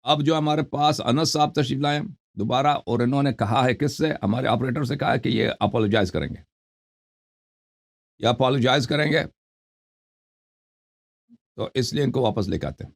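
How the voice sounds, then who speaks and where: A man's voice: medium pitch, gravelly, pauses often. Male call-in host, confrontational, interrupts and lectures. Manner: scolding, accusing, cuts in over the caller. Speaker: show host. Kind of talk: confrontational live call-in debate.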